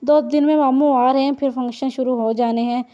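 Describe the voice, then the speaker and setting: A woman's voice: high voice, steady tone, a little fast, muffled recording, natural voice. A woman voicing Mariam, a kind older sister and young mother, in an audiobook reading. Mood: gentle. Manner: gentle, reassuring.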